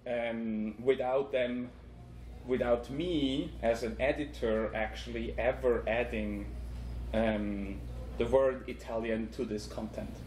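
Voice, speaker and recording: In an echoey conference room with faint noise, a Swiss-accented man from Switzerland walks through a talk and live demo step by step, using many ums. His medium-pitched, darkish voice has fairly even intonation, and he takes it slowly.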